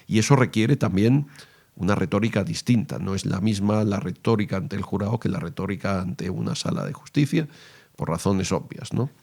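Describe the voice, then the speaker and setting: A man with a Spain Spanish accent teaching courtroom speaking, explaining in a measured way and reading examples aloud. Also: sits low, lively intonation, creaky, a little mellow, slightly rough. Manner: measured, reads quoted advice aloud.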